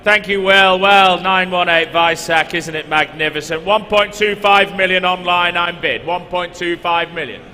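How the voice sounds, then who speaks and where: High-pitched male auctioneer in an echoing hall. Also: fairly even intonation, moderate pace, few pauses, sharp tone. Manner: repeats figures insistently, coaxing bidders. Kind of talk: live car auction bid-calling. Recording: echoey large hall, background noise.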